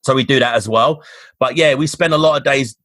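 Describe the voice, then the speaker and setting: A Cockney fitness coach from London's East End is a guest on a podcast, chatting in a casual interview style. His mid-range voice is fairly bright and a little fast, captured on a dry recording. He's upbeat and motivational, and he often restarts his sentences.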